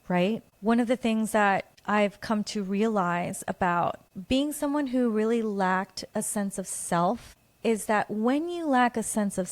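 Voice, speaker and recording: A woman from Guatemala speaks alone into a close podcast mic, earnest and reflective as she opens up about her own life. Her voice sits at an ordinary middle pitch. The sound is dry, with no room echo. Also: darkish tone. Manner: earnest, reflective, openly personal. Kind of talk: personal solo monologue.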